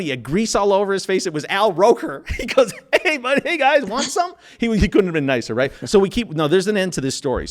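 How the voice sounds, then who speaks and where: Animated storytelling man, slightly high voice. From Minnesota, USA. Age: 50s. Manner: animated, acts out quotes, laughs often. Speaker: podcast host. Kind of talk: casual storytelling.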